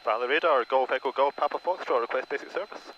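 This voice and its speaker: A man with a husky, medium-pitched voice speaks at a quick pace while piloting a light aircraft, making clipped, formulaic radio calls and reading back instructions over an aviation headset. He's in a small propeller aircraft cockpit, and the dull, noisy cockpit intercom recording carries engine drone in the background.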